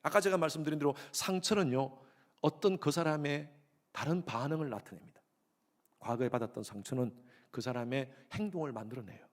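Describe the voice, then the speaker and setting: A man's voice: on the high side, a little fast. A middle-aged man preaching a Sunday sermon as pastor, emphatic, repeating key phrases and asking the congregation questions. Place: church sanctuary.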